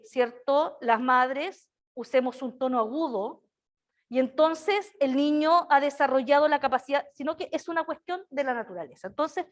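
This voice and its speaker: High-voiced woman lecturing. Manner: checks in constantly with tag questions to the students; slips into a soft, sing-song baby-talk voice for examples. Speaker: university lecturer in early childhood education. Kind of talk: live classroom lecture.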